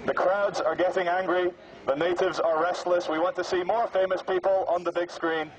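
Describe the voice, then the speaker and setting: A man speaking through a megaphone on a busy outdoor square, making formal, deadpan mock public announcements. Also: sits high, normal speed. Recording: muffled megaphone with street noise.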